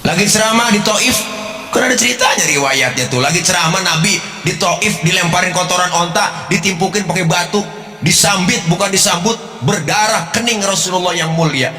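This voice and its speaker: A man preaches a comic sermon, joking in slang and drifting into sing-song. His voice sits a little high and bright. It rings with a long hall reverb, with faint music behind. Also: a little fast.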